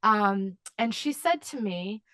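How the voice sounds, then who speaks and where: Woman interview guest, mid pitch, impassioned and earnest, dry close recording. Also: animated, slow, fairly bright tone, no echo. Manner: impassioned, with frequent fillers and restarts. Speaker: advocacy guest.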